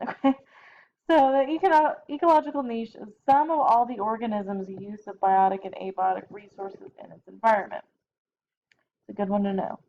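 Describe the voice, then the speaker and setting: With a mellow, medium-pitched voice, a tired woman who teaches biology gives a chatty lecture recorded at home, yawning, correcting herself, and tossing in casual asides. The home recording is dull and lo-fi, with faint noise.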